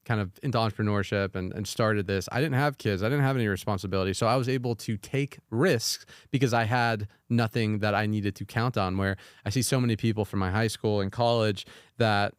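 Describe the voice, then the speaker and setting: A man's voice: fairly low pitch, brisk, smooth, no room sound, clean studio sound. A man hosting a podcast, chatting casually and asking long, rambling questions. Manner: relaxed, conversational, asks long rambling questions. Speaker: podcast host. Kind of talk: casual interview chat. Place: podcast studio in Las Vegas.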